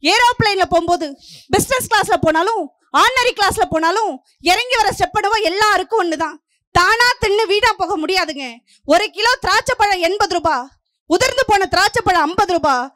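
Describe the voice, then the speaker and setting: Delivering her stage debate speech in rhythmic, parallel lines, this middle-aged woman from Puducherry, India, drives her argument home. She speaks briskly in a very high-pitched, slightly bright voice with lively intonation, recorded at studio quality without any room sound.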